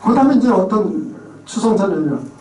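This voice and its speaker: A man's voice: high-pitched, expressive, normal speed, darkish tone. A man giving an informal, chatty lecture who often imitates regional pronunciations. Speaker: lecturer on place names. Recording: echoey room, mic far away.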